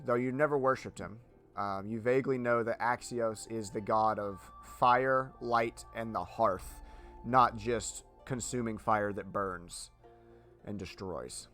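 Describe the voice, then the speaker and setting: A man with a medium-pitched voice runs a tabletop game as its game master. He explains lore informally and matter-of-factly, over faint background music. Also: a bit bright.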